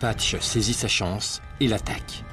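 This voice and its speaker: Male narrator, low pitch, nature documentary style, measured dramatic delivery, prominent music underneath. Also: fairly even intonation.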